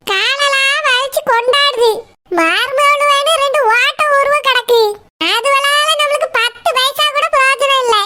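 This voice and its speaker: Brief: cartoon mother-in-law, Kanyakumari Tamil accent, bossy and sarcastic, squeaky high voice, loud noisy background with clicks. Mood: grumbling. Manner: scolding, sarcastic, grumbling. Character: nagging older village mother-in-law, bossy and complaining.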